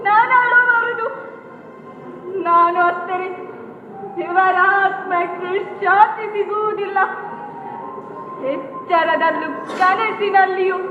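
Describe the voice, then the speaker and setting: A young woman acting a grieving, defiant pregnant widow in a stage drama, declaiming and repeating her vows. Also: very high voice. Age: young adult. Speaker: student stage actor. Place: stage in a hall. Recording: echoey hall, tinny phone-like sound, music behind.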